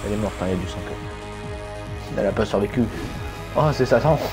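A young man doing let's play commentary, excitable, yelping and swearing at the game as he plays. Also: fairly low pitch, a little fast. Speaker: gaming YouTuber. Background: game music.

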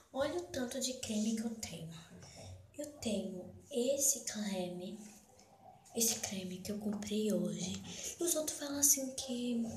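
A woman from Brazil vlogging to her viewers from a small bathroom, rambling and often half-whispering. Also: mid-range voice. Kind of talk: casual vlog talk to viewers. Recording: echoey bathroom with background noise. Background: background noise, kids shouting.

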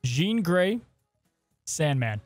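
A man with a fairly high voice co-hosts a gaming podcast, talking in a lively, joking way. The sound is dry and close, with faint music underneath. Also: drawn-out words, dry recording. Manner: animated, jokey, hosting segments. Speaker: podcast co-host. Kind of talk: casual gaming podcast chat.

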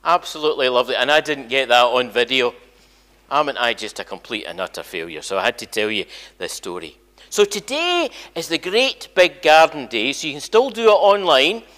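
An older Scottish minister chats animatedly and informally to his congregation, telling stories in an all-age talk. His medium-pitched voice is sing-song and fairly bright, at a moderate pace. The large indoor sanctuary gives the recording a long, echoey reverb.

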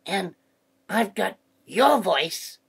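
Man voicing a playful puppet boy for kids: gravelly, husky, fairly low. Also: expressive, drawn-out words, fairly bright tone, heavily acted. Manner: chatty and playful. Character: friendly curious male puppet boy. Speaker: puppet character. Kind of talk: children's puppet show.

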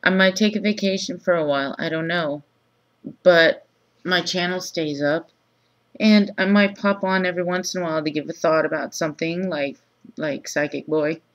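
A woman in her thirties who has just woken up, talking groggily and haltingly in a low-key, casual, confessional vlog. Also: fairly even intonation. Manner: halting, pausing often mid-thought. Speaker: vlogger. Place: small room indoors. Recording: dull lo-fi webcam sound.

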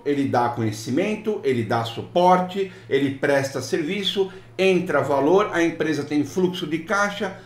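Brief: Brazilian male tech vlogger, mocking and scolding, wide pitch swings, echoey room. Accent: Brazilian Portuguese. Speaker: IT technician vlogger. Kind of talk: ranting commentary reading client messages. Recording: roomy echo.

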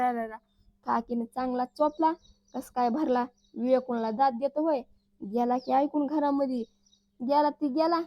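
High-pitched woman, teasing storyteller doing family vlog voice-over, dry muffled recording. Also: dry recording. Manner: teasing, chatty, acts out the quoted lines. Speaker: family vlogger.

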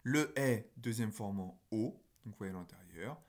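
A man's voice: lowish voice, expressive, a little slow. A man teaching a phonetics lesson over slides, explaining patiently and checking in with his students. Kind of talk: recorded lecture over slides.

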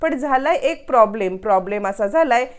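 A woman's voice: fairly high pitch, animated, fairly quick, smooth, natural voice. A woman voicing an anxious middle-aged mother who scolds her daughter and fusses over her son-in-law. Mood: fussing. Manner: scolding, fussing.

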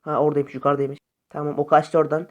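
A young man chatting casually to his viewers over phone gameplay, excitable and friendly. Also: a little high, fast talker, dull audio. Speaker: gaming YouTuber. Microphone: phone camera facecam.

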